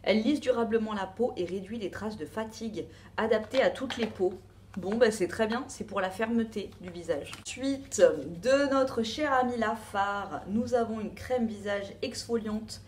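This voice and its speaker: A woman's voice: mid-range voice, a little slow, a little mellow, slight background noise. A woman with a French accent reviewing a beauty box in a casual, rambling chat full of asides and fillers.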